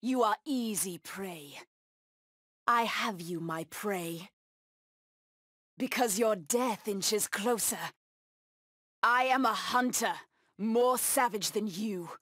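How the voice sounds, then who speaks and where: A woman voicing a savage, proud cheetah-woman huntress in a video game, taunting her prey with deliberate menace. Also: medium pitch, a bit bright, dry recording, studio quality. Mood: predatory, menacing.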